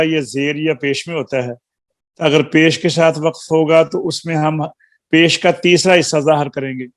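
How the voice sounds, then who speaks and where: A man teaching a live Quran recitation class, explaining step by step with patient, drawn-out syllables and gentle teasing. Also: on the high side.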